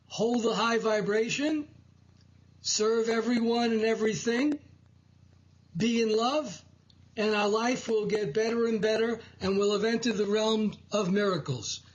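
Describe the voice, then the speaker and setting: A man hosts a spiritual talk show in a measured, preaching manner. His voice sits high and sounds husky. He speaks slowly, and the recording sounds dull and lo-fi. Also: fairly even intonation. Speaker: host. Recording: dull lo-fi audio.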